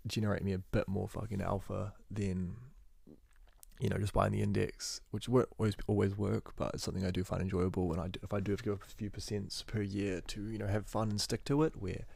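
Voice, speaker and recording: Young man talking fast into his phone. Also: lowish voice, flat delivery, gravelly, a little mellow, slightly rough, no room sound. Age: young adult. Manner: rambling, self-correcting, talks fast. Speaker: university student vlogger. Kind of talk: casual spoken journal. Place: indoors at home. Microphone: phone recording.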